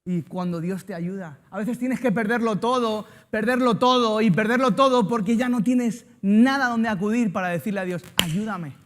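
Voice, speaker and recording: A man's voice: high voice, moderate pace, hardly any pauses. A man from Spain with a Spanish accent, a pastor preaching a sermon and telling a personal story with jokes and banter aimed at the congregation.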